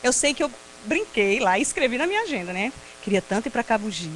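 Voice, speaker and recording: A Brazilian woman with a Brazilian Portuguese accent, giving a personal testimony talk at a prayer group, telling stories in a lively way, laughing often and acting out what people said. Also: fairly high pitch, fast, slight background noise, poor audio. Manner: lively storyteller who laughs often and acts out quotes. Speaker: invited speaker at a prayer group.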